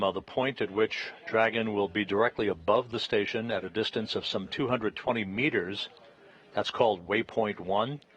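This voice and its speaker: An American man with a fairly low voice gives live space mission commentary. He announces formally and in measured phrases, like a mission control communicator, pausing between details. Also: a bit bright.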